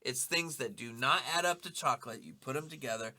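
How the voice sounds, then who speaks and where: A man co-hosting a casual podcast chat, telling animated stories, swearing freely and acting out quotes loudly. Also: medium pitch, brisk. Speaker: podcast co-host.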